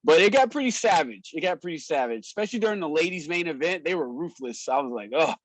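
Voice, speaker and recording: A man's voice: fairly high pitch, expressive, fast, no echo, low-quality recording. A man, a wrestler and show promoter, telling stories in a casual, slangy way and laughing often. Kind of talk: casual storytelling in a podcast interview.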